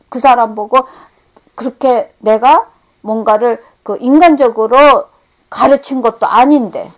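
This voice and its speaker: High-voiced woman preaching a sermon. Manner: earnest, rising to emphatic peaks then dropping to hushed tones.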